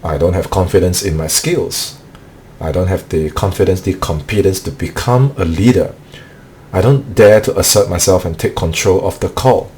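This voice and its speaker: Leading a motivational live stream for remote sales closers, a low-voiced Singaporean man whose first language is not English talks earnestly at normal speed with a darkish tone. He repeats himself and drops "okay" between points, over a faint hum.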